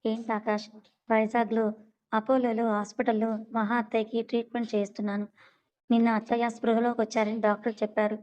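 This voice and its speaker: A woman's voice: on the high side, flat delivery, fairly quick, a little mellow, highs cut off. A woman narrating a serialized story and reading every character's lines in her own voice. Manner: reads all characters' dialogue in her own voice.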